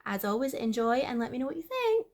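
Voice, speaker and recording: A woman hosting, reading a scripted introduction in an even delivery. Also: a little high, fast talker. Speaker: host.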